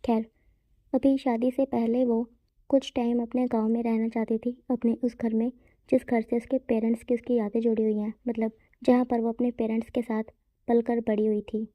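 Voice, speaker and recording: A woman's voice: fairly high pitch, warm tone. A woman narrating a story in a casual, chatty way, talking straight to her listeners. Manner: chatty, addresses the listeners directly.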